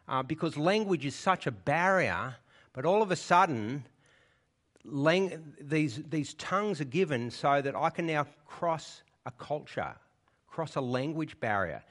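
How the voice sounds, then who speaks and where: A native English-speaking man with a somewhat high, slightly bright voice preaches a sermon in church. He explains the passage conversationally and keeps checking in with his listeners.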